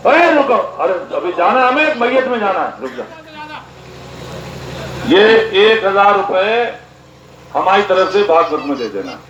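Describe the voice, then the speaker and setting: A man speaks at a high pitch to an outdoor village gathering. He drives his political speech with repeated figures and pointed questions. His voice comes through an echoey, muffled public address system over a busy crowd. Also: very animated, a little slow, long pauses. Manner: rhetorical, repeats figures and questions, rises to indignant shouts. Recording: echoey, dull PA sound with crowd noise.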